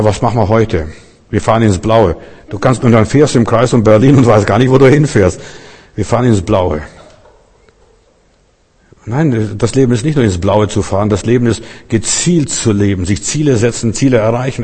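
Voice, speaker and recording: Emphatic preacher in a reverberant hall. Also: male voice, on the low side, warm tone, slightly rough. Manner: emphatic preaching, repeated "weißt du", addresses listeners directly. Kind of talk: sermon.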